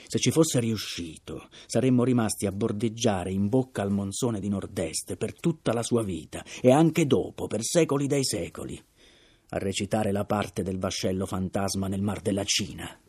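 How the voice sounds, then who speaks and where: A man's voice: lowish voice, moderate pace, darkish tone, breathy edge. A man reading an audiobook voices a gaunt, deathly ill first mate who speaks solemnly in a hollow voice and breaks into agitated questions. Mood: brooding.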